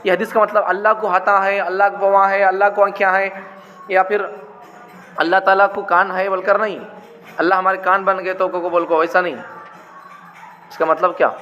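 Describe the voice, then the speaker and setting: Guy preaching, fairly high voice, keeps asking "what does it mean", dull boomy hall recording. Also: bright, forceful tone. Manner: keeps asking rhetorical questions and repeating points. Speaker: religious teacher. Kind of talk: teaching talk on prayer. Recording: dull, echoey hall with faint noise.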